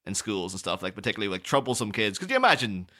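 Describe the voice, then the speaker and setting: A man's voice: lowish voice, racing. A man hosting a casual film-discussion podcast, rambling and laughing as he talks. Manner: animated, rambling, laughs while talking. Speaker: podcast host.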